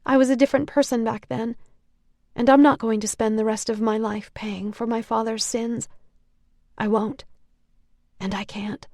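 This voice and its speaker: A woman's voice: a little high, fairly even intonation, moderate pace, pauses often, a little mellow, no echo, studio quality, close to an everyday voice. A woman voicing a resolute teenage girl. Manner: resolute inner monologue. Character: determined seventeen-year-old girl.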